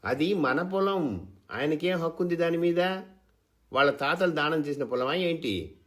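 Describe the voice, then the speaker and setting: A man's voice: fairly high pitch, animated, a little slow, pitched above the performer's own voice. A man voicing an anxious young village wife who asks worried, pressing questions.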